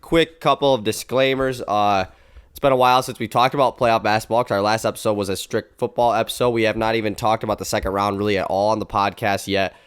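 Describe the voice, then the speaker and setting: Young male sports podcast host, congested voice, fairly low and smooth, chatty. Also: fairly even intonation, quick pace. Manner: upbeat, chatty with filler words. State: stuffy, congested voice. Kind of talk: casual sports podcast chat.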